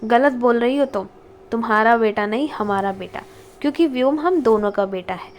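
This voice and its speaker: Stubborn, sarcastic young husband in a bickering audiobook romance, read by a woman; pitched fairly high, faint hiss behind. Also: normal speed, close to an everyday voice. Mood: mocking. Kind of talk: audiobook character reading.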